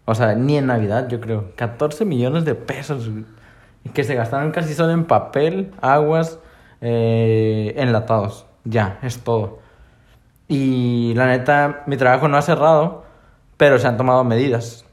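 Young Mexican guy, casual storyteller, slangy and animated. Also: medium pitch, a little slow. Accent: Mexican Spanish. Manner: animated storyteller, acts out quotes in raised voice, slangy. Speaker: store employee. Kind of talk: casual conversation.

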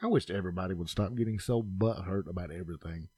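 A man's voice: sits low, fast, mellow, breathy edge, dry recording. A man co-hosting a podcast, dropping short blunt remarks. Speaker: podcast co-host. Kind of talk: casual chat.

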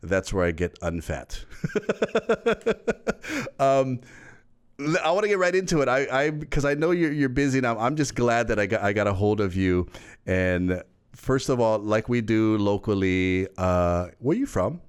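A man's voice: on the low side, animated, clear, resonant tone. Upbeat man hosting a podcast. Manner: upbeat, laughs often, quick restarts. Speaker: podcast host. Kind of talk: casual interview over video call.

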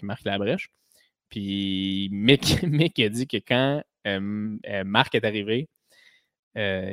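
A man with a Québécois accent hosts a podcast in a joking, animated way, swearing freely and talking close to the mic. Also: medium pitch, dry recording. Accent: Québécois French. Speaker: podcast host. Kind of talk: casual podcast monologue.

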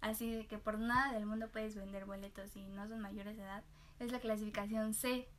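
A woman with a Mexican accent telling a lively anecdote in casual chat, laughing often and using slang. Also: mid-range voice, a little fast, a little hiss or hum. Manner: animated storyteller, laughs often, uses slang. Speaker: podcast co-host.

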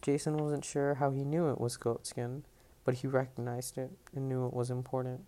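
A man's voice: medium pitch, little pitch movement, moderate pace, warm tone. A man giving a casual fan reading of a novel, reading plainly and breaking off with self-mocking asides. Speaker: audiobook reader.

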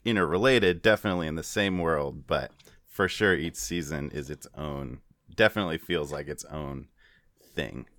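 A man with a very low voice in casual podcast chat, recorded dry and close. He explains in a relaxed way with many fillers. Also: no echo.

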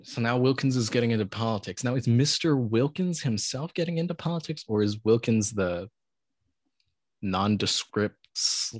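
A man's voice: mid-range voice, lively intonation, moderate pace, dry recording, clean studio sound. A man hosting casual, humorous commentary on old commercials in a wry, mock-analytical way. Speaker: host.

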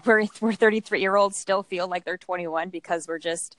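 A woman's voice: on the low side, steady tone, moderate pace, dry recording. A woman in her thirties, a writer co-hosting a podcast, joking about herself in casual chat. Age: 30s.

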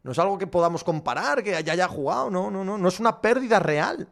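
A man with a fairly high-pitched voice hosts a relaxed chat, reading viewer messages aloud. His replies are blunt and sardonic. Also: a little fast, creaky. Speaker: host answering viewer questions. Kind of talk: casual chat.

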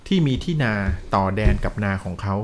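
A man narrating a ghost story to a listener in a lively, polite way, peppering it with polite particles. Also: fairly low pitch, a little fast, a little hiss or hum.

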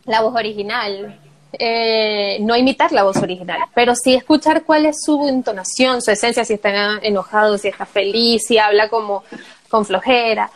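A woman's voice: on the high side, normal speed, poor audio. A woman from Venezuela, a voice actor talking casually in an interview and acting out her examples. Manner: lively, acts out examples, laughs often. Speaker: guest, voice actor and announcer.

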